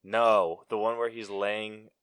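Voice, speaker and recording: A man's voice: fairly low pitch, little pitch movement, slow, a bit bright. A man chatting casually on a podcast in an easygoing, teasing way. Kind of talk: casual chat.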